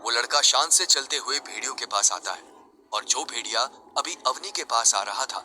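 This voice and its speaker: A man narrating a Hindi audio story in an expressive, scripted way. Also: mid-range voice, moderate pace, faint music behind, low-quality recording.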